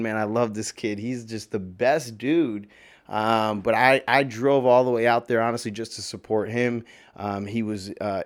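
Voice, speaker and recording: In a fairly low, slightly hoarse voice, a man delivers a loose, rambling opinion piece, full of filler words, sudden emphatic outbursts, and profanity.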